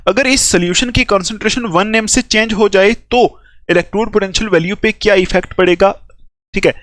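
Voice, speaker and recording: Male chemistry teacher, high voice, dry close sound, slow dictation, repeated check-ins. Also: fairly bright tone, no room sound. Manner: repeats phrases slowly for students to copy, frequent "theek hai" check-ins. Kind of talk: classroom lecture with dictation.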